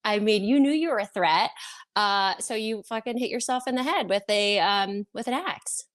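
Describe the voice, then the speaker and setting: Brief: woman co-host, TV producer, bubbly and loose, quick laughs. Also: medium pitch. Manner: bubbly, laughs often, swears casually. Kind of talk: casual chat.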